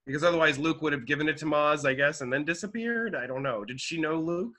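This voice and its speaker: A man's voice: fairly high pitch, fast, pushed and bright. A man co-hosting a casual film-discussion podcast, thinking aloud and speculating, often restarting his sentences. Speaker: podcast co-host.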